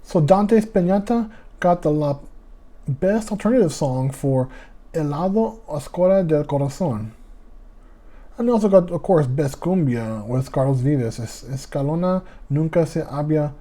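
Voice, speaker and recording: A man's voice: fairly high pitch, normal speed, mellow. A man with a lisp hosting a casual solo music podcast, rambling and stumbling over foreign names, calling his listeners "y'all". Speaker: podcast host.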